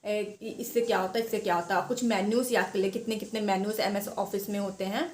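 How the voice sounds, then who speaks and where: A woman's voice: medium pitch, steady tone, fast, a little mellow, echoey room. A woman giving informal exam advice to students, chatty and repetitive, restarting her sentences often. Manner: chatty, repeats herself, many restarts. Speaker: exam preparation guide.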